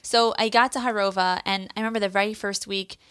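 A woman in her thirties telling her story in a casual chat, peppered with "like" and quick asides. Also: medium pitch, steady tone, fairly bright tone, clean tone, dry recording, studio quality. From United States. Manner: chatty, lots of "like" fillers, quick storytelling. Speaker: guest.

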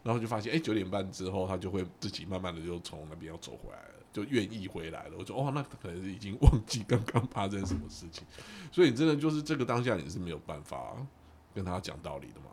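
A man with a very deep voice who talks quickly in casual podcast chat. He tells stories with animation and slips into the voices of the people he quotes. A faint noise sits under his voice. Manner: animated storyteller who acts out quoted dialogue.

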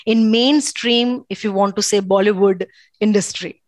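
An Indian-accented woman hosts an interview in a mid-pitched voice with a dry, close sound. She switches between English and Hindi, phrasing her questions hesitantly and with compliments. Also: steady tone, normal speed, no room sound.

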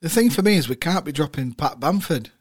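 A man's voice: fairly high pitch, lively intonation, a little fast, breathy edge. A man in his thirties making casual, jokey football chat as a podcast panellist. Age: 30s.

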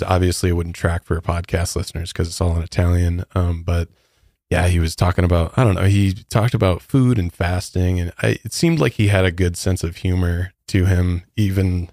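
A man co-hosting a podcast, talking casually in halting, relaxed sentences. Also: low voice, no echo, studio quality. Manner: relaxed, halting, many fillers. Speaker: podcast co-host. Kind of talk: casual chat.

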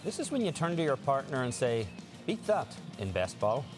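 A man giving golf commentary and analysis as a co-commentator, in a measured, analytical way. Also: medium pitch, very animated, music in the background.

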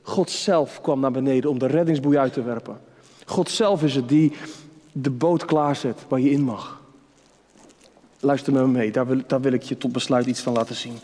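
A man preaching a sermon with passion, dropping to hushed whispers and rising to high, urgent calls. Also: fairly even intonation, normal speed. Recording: long hall reverb.

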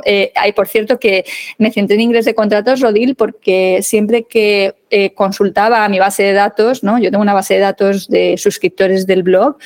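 A woman's voice: medium pitch, darkish tone. A middle-aged woman from Spain with a Peninsular Spanish accent, a legal English teacher chatting as a guest in a podcast interview, enthusiastic and full of tag questions. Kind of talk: casual podcast interview chat.

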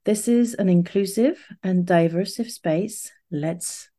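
A woman's voice: medium pitch, slow, warm tone. A woman hosting a spirituality podcast, welcoming listeners and introducing her guest with some restarts. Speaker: podcast host. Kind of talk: podcast interview.

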